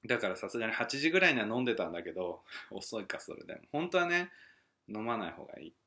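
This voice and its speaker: A man hosting a casual solo podcast at home at night, rambling and musing aloud as he reads listener mail, with soft chuckles. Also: on the low side, sing-song, fast talker. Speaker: podcast host.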